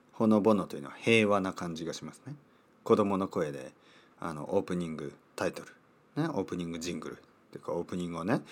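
A man in his thirties hosting a casual podcast for language learners, playful and rambling, often repeating words as he thinks aloud. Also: low-pitched. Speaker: podcast host teaching Japanese. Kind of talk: casual solo podcast talk.

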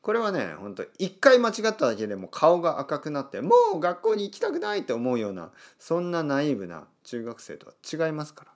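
A man hosting a casual solo podcast, talking slowly and clearly with many fillers. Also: mid-range voice. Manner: animated, acts out quoted voices. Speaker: podcast host.

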